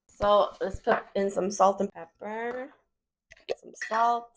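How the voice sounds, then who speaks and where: In her home kitchen, a cooking show host with a native Swedish accent talks casually through a demonstration, leaning on plenty of fillers. Her voice is mid-range and slow, and the audio quality is poor.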